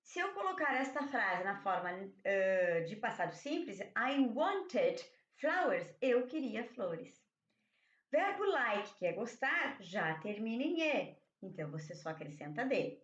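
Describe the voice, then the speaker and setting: A woman teacher giving a slow, patient review lesson, often checking in with "ok?". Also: mid-range voice, very animated, a bit bright. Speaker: English teacher. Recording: echoey, slightly dull room audio.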